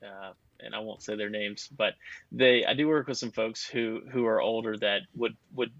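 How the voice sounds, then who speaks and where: A man's voice: fairly low pitch, moderate pace, creaky, fairly bright tone, no room sound, dull audio. A man talking as a guest expert on a podcast, explaining technical details at length in a chatty, casual way.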